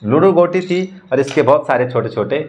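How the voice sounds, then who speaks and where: A man who is a magician, briskly showing and explaining magic props one after another in a casual demo. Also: mid-range voice, expressive, background noise. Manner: brisk, talking props through each trick. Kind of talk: casual product demonstration.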